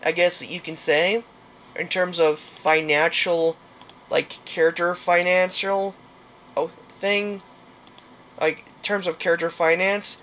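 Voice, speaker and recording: A man's voice: sits high, level tone, slow, a bit bright, a little hiss or hum. A young man hosting a gaming channel, chatting casually and hesitantly with many fillers and restarts. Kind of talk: casual game commentary outro.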